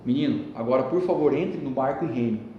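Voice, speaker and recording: A man voicing a calm, patient old sage who speaks slowly, low and quietly. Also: lo-fi sound, lightly acted. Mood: calm, firm. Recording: echoey hall with faint rumble.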